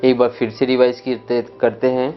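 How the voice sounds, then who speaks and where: Male tutor, mid-range voice, unhurried lesson delivery, faint music underneath. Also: medium pitch, flat delivery. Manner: deliberate, repeats letters and sounds one by one. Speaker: spoken English teacher. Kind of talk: slow explanatory lesson. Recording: dull lo-fi sound with faint music.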